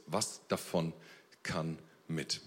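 A man preaching a sermon at a church service, earnest, moving between soft and emphatic delivery. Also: extremely low pitch, steady tone, very slow, slightly rough. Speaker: pastor. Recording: long reverb of a church hall.

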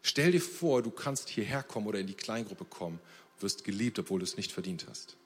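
A man preaching a sermon at a church service, earnest, moving between soft and emphatic delivery. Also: lowish voice, animated, brisk, husky. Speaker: pastor. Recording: long reverb of a church hall.

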